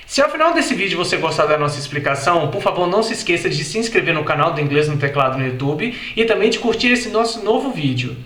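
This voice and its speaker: A man's voice: a little high, very animated, a bit bright, roomy sound. Brazilian man teaching with careful repetitions. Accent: Brazilian Portuguese. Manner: slow, careful repetition of example words. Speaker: English teacher. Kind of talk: explanatory video lesson.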